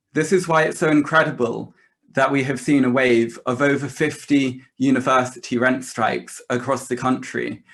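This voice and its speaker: A man's voice: mid-range voice, vocal fry, fairly bright tone. A young man delivering a prepared political rally speech as a student activist, in earnest, declarative, emphatic phrases. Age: young adult.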